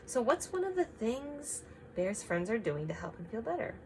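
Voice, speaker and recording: A woman with a fairly high voice reads a picture book aloud to children, expressive and emphatic, stopping now and then to ask simple guiding questions. There's background noise in the recording.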